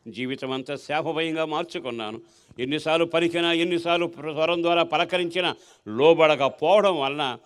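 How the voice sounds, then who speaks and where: A male pastor telling his life story in a sermon, asking rhetorical questions and swinging between strong and soft feeling. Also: fairly high pitch. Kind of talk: sermon testimony.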